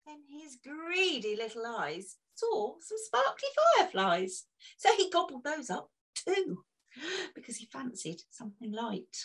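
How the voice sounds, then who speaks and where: A woman's voice: sits high, very animated, measured pace, fairly bright tone. A woman reading a picture book aloud to children, playful and full of exclamations. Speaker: children's storyteller. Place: indoors, on a video session.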